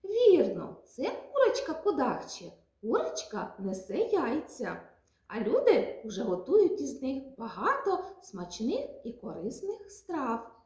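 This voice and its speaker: A woman preschool teacher from Ukraine giving a nature lesson to small children, in slow, sing-song, coaxing speech. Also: high voice, huge pitch swings, darkish tone. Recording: echoey room.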